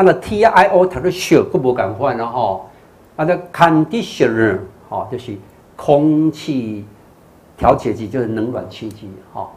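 An older man, a Buddhist monk with a Taiwanese Mandarin accent, giving a televised English lecture, spelling words out letter by letter and slipping into Taiwanese Hokkien. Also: on the high side.

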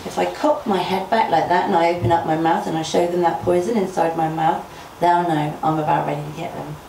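A woman voicing a quiet, thoughtful male cottonmouth snake in a folk tale. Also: fairly low pitch, fairly even intonation, fairly quick, vocal fry, slight background noise. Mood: musing. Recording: roomy, voice from a distance.

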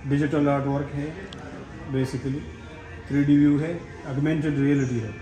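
A man's voice: fairly high pitch, steady tone, normal speed, roomy sound, rough recording. A man guiding visitors and explaining a digital artwork, mixing in English terms. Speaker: art gallery guide. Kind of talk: explaining an exhibit.

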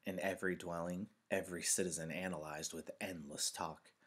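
A man, a teacher, reading a novel aloud in a measured, expressive storytelling manner with dramatic pauses. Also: low voice. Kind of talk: read-aloud narration.

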